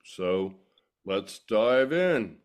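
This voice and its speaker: A man with a somewhat low voice opens an online recovery meeting. He introduces his guest in a friendly way that leans a little toward an announcer's delivery. The sound comes through a video call. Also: big pitch swings, drawn-out words. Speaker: host of a stroke recovery meeting.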